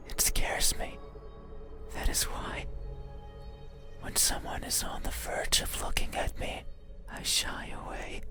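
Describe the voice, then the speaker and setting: A performer voicing a lonely, eerie demon that yearns to be seen, in a halting, earnest whispered role-play. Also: lightly acted. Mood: wistful, fearful. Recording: whisper over loud music.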